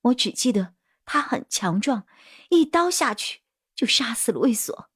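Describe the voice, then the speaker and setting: A frightened young woman, voiced by a narrator answers in a quiet, guarded voice. She sounds scared and withdrawn, a witness holding back in a spoken crime story. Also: on the high side, very animated, measured pace, slightly rough, dry recording, studio quality, pitched above the performer's own voice, full character voice. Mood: fearful.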